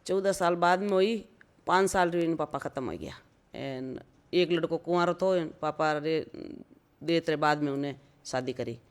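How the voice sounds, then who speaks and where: Clear-voiced Marwari woman in her fifties. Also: low voice, normal speed. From rural Rajasthan, India. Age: 50s. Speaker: interview guest. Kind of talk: personal storytelling in an interview.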